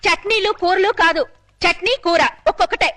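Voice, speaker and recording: A woman's voice: extremely high pitch, a little fast, a bit bright. An actress playing a young mother who fires back sarcastic retorts in a film comedy scene. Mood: snappy. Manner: snappy comebacks, sarcastic. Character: sharp-tongued young mother, quick with retorts. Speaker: young mother in a pretend marriage.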